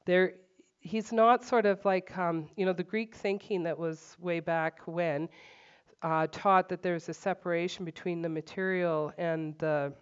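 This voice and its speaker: A woman leads a casual Bible teaching at home in a smooth, clear voice that sits on the low side, with a steady tone and measured pace. She talks conversationally, uses lots of fillers, and drives her points home emphatically. The recording sounds dull and lo-fi.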